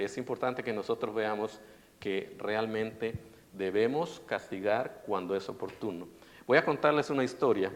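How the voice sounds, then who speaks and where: A man preaching a sermon in a lively way, often asking his congregation questions. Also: fairly low pitch. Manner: animated, asks audience questions. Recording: long reverberant hall.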